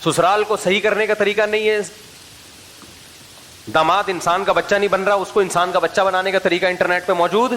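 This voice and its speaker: In a casual religious talk to a crowd, a middle-aged Islamic preacher from Pakistan shares humorous stories and repeatedly draws listeners in with questions. His voice is fairly high and a little bright, yet his delivery stays flat, and the poor audio has a light hiss underneath.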